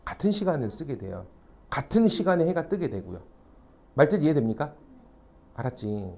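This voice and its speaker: A middle-aged male teacher with a high voice that leaps all over the place. He lectures in a joking, teasing way, throws in mocking asides, and keeps asking the students whether they understand. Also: sing-song, moderate pace, darkish tone. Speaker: academy teacher. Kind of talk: classroom lecture with anecdotes.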